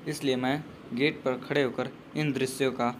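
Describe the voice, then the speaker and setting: A man's voice: mid-range voice, flat delivery, normal speed, noisy background. A young man narrating his train journey as a voice-over, in a casual, loosely worded way with restarts. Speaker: travel vlogger.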